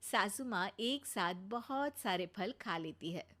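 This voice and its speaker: A woman's voice: medium pitch, expressive, slow, sharp tone. A woman narrating a cartoon story in a plain, scripted storybook manner.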